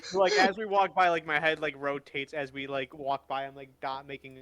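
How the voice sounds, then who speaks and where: A man chatting as a player in a tabletop game, rambling through jokes about his character. His voice sits a bit high. It is recorded close and dry. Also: lively intonation, fairly quick, a bit bright, dry recording. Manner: joking, rambling. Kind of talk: casual chat.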